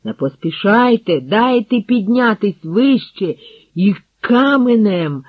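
A man's voice: high-pitched, lively intonation, slow, no echo, heavily acted. A man voicing a stern male warrior captain who barks urgent commands in battle, recorded dry and tinny like over a phone line. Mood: commanding.

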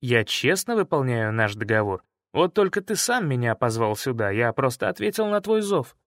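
A man voicing a calm, gentle male spirit who speaks softly and unhurriedly. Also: mid-range voice, no echo, studio quality, pitched below the performer's own voice. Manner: soft, unhurried, gently mocking.

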